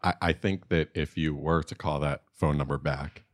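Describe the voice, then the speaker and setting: Man, very deep bass voice, dry close sound, casual joking co-host banter. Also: steady tone, normal speed, dry recording. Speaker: podcast co-host.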